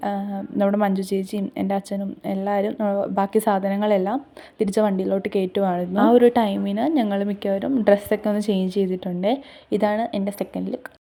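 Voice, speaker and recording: A woman's voice: medium pitch, warm tone. A woman giving a casual travel vlog voice-over, with English words mixed into her Malayalam. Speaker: travel vlogger.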